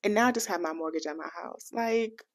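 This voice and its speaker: A woman, a budgeting vlogger chatting excitedly to her viewers, repeating herself and calling them y'all. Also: low-pitched, quick pace. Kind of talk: casual chat to viewers.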